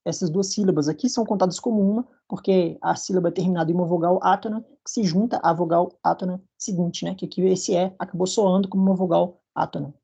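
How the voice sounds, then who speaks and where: A man's voice: high voice, fairly even intonation, fast, creaky, hardly any pauses, mellow, slightly rough, highs cut off. A man with a Brazilian Portuguese accent giving a recorded university lecture over slides, explaining patiently and often checking in with his students.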